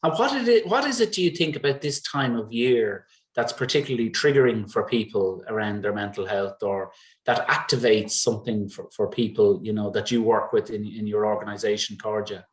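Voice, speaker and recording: Male webinar moderator, gentle measured questions, roomy echo. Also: fairly low pitch. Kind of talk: moderating a panel.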